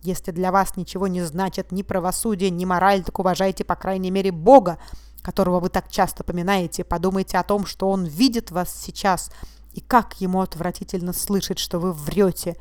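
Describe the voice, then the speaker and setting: A woman's voice: on the low side, fairly even intonation, brisk, darkish tone, dry recording, studio quality, natural voice. A woman reading the part of a stern male judge who questions a suspect coldly and cuttingly. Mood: cold scornful. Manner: cold, cutting and insistent, flaring into anger.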